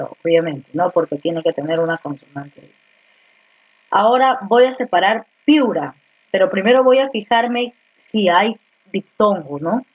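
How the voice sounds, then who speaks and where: A woman's voice: lowish voice, muffled recording. A woman teacher explains a grammar lesson step by step, asking questions and answering them herself.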